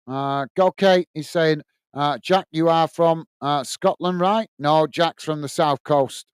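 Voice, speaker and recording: Speaking slowly in a voice on the high side, a strongly Lancashire-accented man hosts a live football watch-along. He calls the play and reads chat comments in a chatty manner full of "uh"s, and his smooth voice carries no echo.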